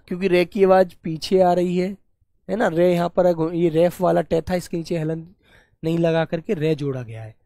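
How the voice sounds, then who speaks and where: A man teaching an online Hindi class, listing word pairs in a steady drill and calling his students "beta". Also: high-pitched, no echo, clean studio sound. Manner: affectionate, calls students "beta"; clears throat now and then. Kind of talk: online exam-prep class.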